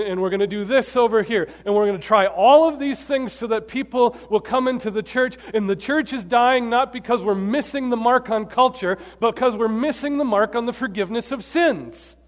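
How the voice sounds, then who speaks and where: Man delivering a lively sermon, slightly high-pitched, punchy swings in volume, audience questions, echoing hall. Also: moderate pace. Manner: emphatic, swings between loud and quiet, quizzes the audience. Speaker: preacher. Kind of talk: sermon to a live congregation. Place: large church hall. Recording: long hall reverb.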